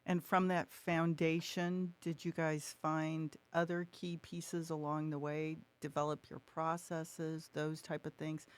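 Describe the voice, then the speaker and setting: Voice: medium pitch, level tone, slow pace, hardly any pauses, clean tone. A podcast host asking long, winding questions of guests in an interview.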